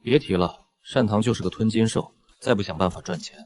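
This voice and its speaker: A man's voice: on the low side, brisk, darkish tone, close to an everyday voice. A man playing a cheeky, money-minded young nobleman in a dramatised story, wry, teasing and theatrical.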